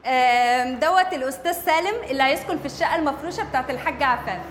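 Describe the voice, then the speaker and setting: A high-voiced Egyptian woman, played by an actress, rattling off her lines at great speed, teasing and scolding by turns. Her voice rings in an echoey space with a long tail, with faint ambience behind it. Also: very fast, slight background noise, close to an everyday voice. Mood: lively. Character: chatty young woman resident, quick-tongued. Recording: echoey room with long reverb.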